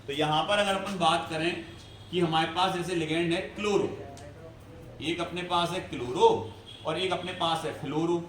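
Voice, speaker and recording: A man's voice: a little high, steady tone, moderate pace, fairly bright tone. Man lecturing in an echoey classroom. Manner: explains step by step, often checks "clear?". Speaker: chemistry teacher. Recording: echoey room, faint ambience.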